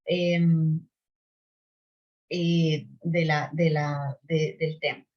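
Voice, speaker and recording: A woman's voice: low-pitched, little pitch movement, drawn-out words. A woman presenting an online webinar and answering audience questions, explaining step by step with frequent tag questions and restarts. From Costa Rica. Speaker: webinar presenter on public procurement. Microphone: video call microphone. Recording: slightly dull video call audio.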